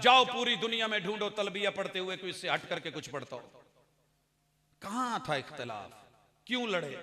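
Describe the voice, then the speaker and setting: A man's voice: high voice, lively intonation, moderate pace, bright, forceful tone. A man from Pakistani Punjab preaching a sermon with a Punjabi-inflected accent. He uses impassioned oratory built on rhythmic, repeated lists. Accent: Punjabi-inflected Urdu.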